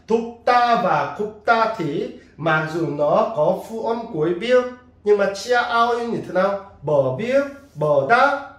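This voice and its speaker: A man's voice: high voice, echoey room. A man with a Korean accent, a native Korean speaker teaching a language lesson, drilling words and asking his students questions. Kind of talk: classroom lesson.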